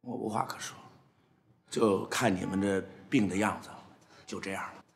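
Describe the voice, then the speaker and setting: A man's voice: lowish voice, steady tone, normal speed, vocal fry, slight background noise. An actor playing a stern middle-aged man from who lectures young pranksters in a TV drama. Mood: weary. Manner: lecturing, threatening then fatherly. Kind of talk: TV drama acting.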